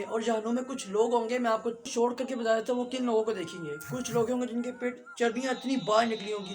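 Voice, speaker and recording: A man vlogger earnestly retelling a religious story and speaking straight to his viewers. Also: very high voice. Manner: earnest, fast storytelling with direct address to viewers.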